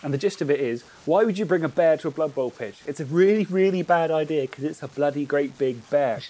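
Animated, chatty man hosting a podcast. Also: a little high, brisk, low-quality recording. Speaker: podcast host. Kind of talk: casual podcast chat.

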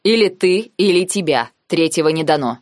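A woman reading the lines of a cold, calculating noble uncle in an audiobook, measured and sarcastic. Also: low-pitched, animated, no echo, clean studio sound. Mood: cold, lecturing. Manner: measured, lazy, coldly sarcastic.

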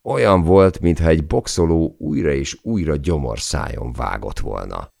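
A man narrates an audiobook in a steady, dramatic manner. His voice sits extremely low with a gravelly texture. The recording is dry and close with no room sound. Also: dry recording. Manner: measured, dramatic storytelling.

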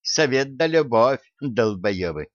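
A man voicing a slim, sharp-tongued, grumpy young woman who snaps and mocks. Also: medium pitch, fairly even intonation, unhurried, clean tone, no room sound, pitched above the performer's own voice, close to an everyday voice. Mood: sneering. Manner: snappish and mocking. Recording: dull, dry recording.

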